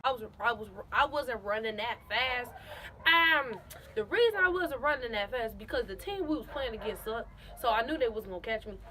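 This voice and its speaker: A young woman in her late teens telling a casual storytime to her camera, animated and repeating phrases for emphasis. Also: fairly high pitch, moderate pace, background noise. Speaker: vlogger.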